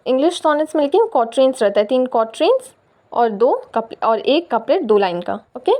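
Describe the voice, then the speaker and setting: Indian woman, teacher, high voice, explains patiently step by step. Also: very animated, dark tone. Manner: explains step by step, often repeating "theek hai"; reads English lines slowly and carefully. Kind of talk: poetry lesson mixing Hindi and English.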